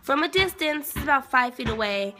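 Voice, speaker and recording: Young woman talking through a hard personal story, kinda high voice, halting and emotional, lots of um and like, hissy recording w clicks. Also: expressive. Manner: emotional, halting, with fillers and sudden exclamations. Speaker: grieving mother telling her story.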